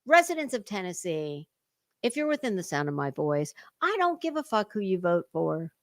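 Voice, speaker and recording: In clean studio sound with no echo, a woman with a lowish voice talks at normal speed and is very animated. As a livestream host she delivers casual reaction commentary over a clip, full of sarcasm, mockery and swearing.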